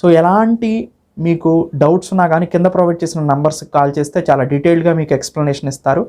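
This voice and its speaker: A man's voice: fairly high pitch, steady tone, racing, a little mellow. A man with a Telugu accent giving an informal instructor's walkthrough, mixing English words heavily into his Telugu and repeating phrases step by step. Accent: Telugu, Andhra Pradesh or Telangana. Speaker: online academy instructor. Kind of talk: informal course walkthrough for exam students.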